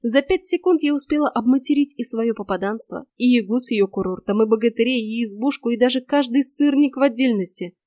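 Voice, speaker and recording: Audiobook narrator: woman, fairly high voice, wry and lively, dry close mic. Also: fairly quick, hardly any pauses, no room sound. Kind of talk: first-person fantasy audiobook narration.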